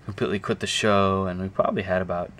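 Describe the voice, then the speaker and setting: A video creator shows off his music collection, talking casually in a low, monotone voice. Unscripted and halting, he thinks aloud as he goes, while amateur camera audio picks up clear background noise.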